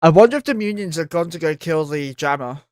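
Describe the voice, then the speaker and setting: A man's voice: fairly high pitch, animated, brisk, a little mellow, no echo, studio quality. A man giving casual live commentary on a game stream, thinking aloud and swearing freely.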